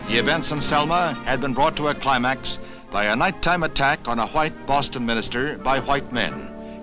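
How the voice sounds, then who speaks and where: A man narrating an old 1960s newsreel in a formal, measured announcer's delivery. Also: medium pitch, poor audio. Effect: old newsreel voice-over. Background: music score under the narration.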